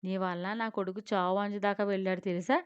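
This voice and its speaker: A woman's voice: mid-range voice, level tone, fairly quick, smooth, no room sound, close to an everyday voice. A woman voicing a bitter, reproachful old grandmother in a storybook reading. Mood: angry. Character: angry grieving old grandmother. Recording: slightly dull lo-fi sound.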